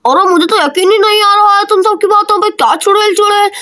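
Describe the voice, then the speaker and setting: Lady voicing a show-off little boy, super high voice, kids doll play story. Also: fairly quick, bright, forceful tone. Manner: chatty, teasing, calls out "arre" often. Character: boastful little village boy who fakes bravery.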